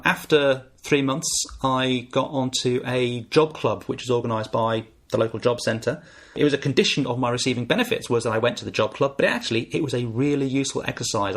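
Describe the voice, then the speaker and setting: A man in his forties from the north of England, with a softened northern English accent, hosting his own podcast in a reflective, candid monologue. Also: medium pitch, creaky. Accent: northern English, softened by years in the south. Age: 40s. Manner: reflective, candid, thinking aloud with small restarts. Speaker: podcast host.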